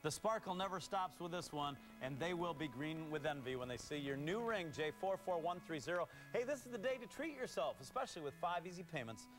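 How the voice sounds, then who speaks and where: A man's voice: a little high, lively intonation, brisk, hardly any pauses. A middle-aged American man working as a home shopping host, selling enthusiastically live with item numbers and prices. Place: TV studio set. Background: music.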